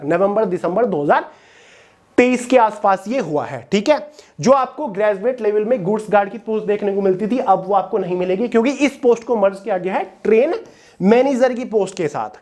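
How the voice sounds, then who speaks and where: A woman's voice: medium pitch, a little mellow. Woman, coaching educator, direct explainer who keeps checking that the audience follows. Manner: direct, checks in with listeners often. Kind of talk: explanatory talk to exam aspirants.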